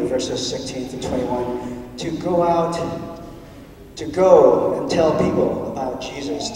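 In a large church sanctuary, a man with a mid-range voice gives a children's story and questions the kids as he goes. The recording is distant and echoey, with a noisy background.

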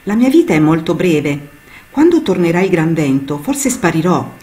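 A woman voicing a small, young female sand dune in a storybook tale, speaking softly and wistfully. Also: fairly low pitch, very animated, normal speed.

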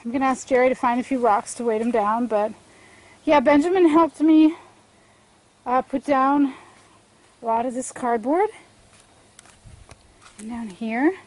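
Middle-aged gardener lady, bit high-pitched, throat a little clogged, rambles with lots of ums outdoors. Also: unhurried, pauses often. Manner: chatty, thinks aloud with many fillers and restarts. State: throat congested from allergies. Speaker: homestead gardening vlogger. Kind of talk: casual garden walkthrough. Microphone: handheld camera at arm's length.

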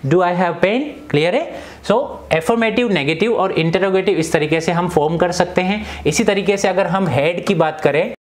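A young man teaches an English grammar lesson in Hindi, frequently asking the class questions and slowly repeating each example sentence. His voice is high-pitched.

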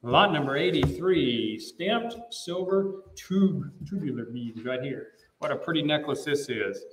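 Calling out bids in a rhythmic, repetitive live chant padded with fillers, this middle-aged American auctioneer has a fairly high voice with lively intonation and an unhurried pace. The mic catches him from afar in a big indoor auction hall, so the sound is roomy.

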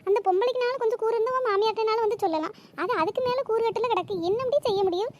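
A woman's voice: extremely high pitch, very fast. A woman doing a scolding village neighbor woman. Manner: scolding, lecturing. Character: bossy older village neighbor woman, scolding but caring. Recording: noisy cartoon voice track.

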